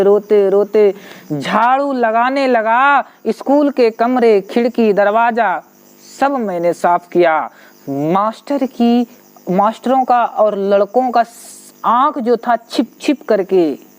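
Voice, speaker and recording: A man's voice: very high-pitched, clear, resonant tone. Man retelling a story to a class. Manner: animated storytelling, paraphrasing and repeating lines. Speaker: teacher. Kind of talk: explaining a literature text.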